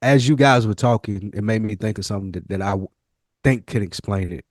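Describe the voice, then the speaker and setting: A man with an American accent co-hosts a podcast in casual, reflective chat, speaking candidly in slang and sometimes swearing. His lowish voice is fairly quick, and the clean studio sound has no echo.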